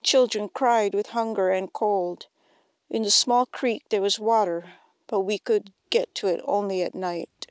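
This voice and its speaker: A woman from Hawaii calmly reads a scripted historical narration. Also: mid-range voice, measured pace, dry recording. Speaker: narrator and co-host.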